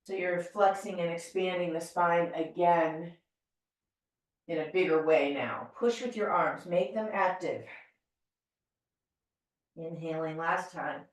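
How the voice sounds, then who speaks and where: A middle-aged American woman leading a yoga class, calmly and gently cueing breath and movement. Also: lowish voice, slow pace, pauses often. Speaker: yoga teacher. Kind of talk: guided yoga class instruction. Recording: very echoey room, voice from far off.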